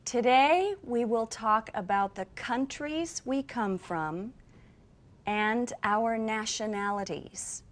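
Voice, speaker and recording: A woman teaching a beginner English lesson, with slow, clear, drilled delivery. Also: a little high.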